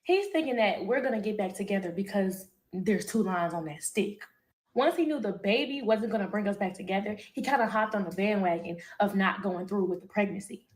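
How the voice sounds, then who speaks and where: A young woman, telling a personal story to her viewers in a candid, animated, profane way. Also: mid-range voice, brisk. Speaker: vlogger. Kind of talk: storytime vlog.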